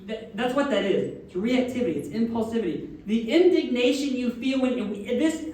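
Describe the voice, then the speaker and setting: A man's voice: very high-pitched, lively intonation, normal speed, darkish tone. A man preaching a conversational sermon as a minister, checking in with his listeners often. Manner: conversational preaching with frequent audience check-ins. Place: church sanctuary. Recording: very echoey distant room mic, faint background noise.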